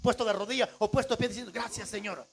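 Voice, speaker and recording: A male pastor preaching a sermon emphatically, repeating phrases and breaking into shouts. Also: sits high, fairly even intonation, fast talker, soft background music.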